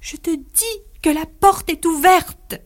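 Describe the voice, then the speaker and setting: A woman's voice: fairly high pitch, lively intonation, unhurried, slightly rough, pitched above the performer's own voice. Woman voicing a frantic, pleading young wife. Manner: pleading, insistent. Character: frightened, desperate young wife.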